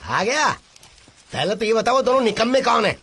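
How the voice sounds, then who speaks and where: An actor dubbing a rough, quarrelsome village man in a film. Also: very high-pitched, animated, moderate pace, sharp tone, full character voice. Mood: irritated. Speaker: dubbed film character, a villager. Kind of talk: Hindi film dub acting.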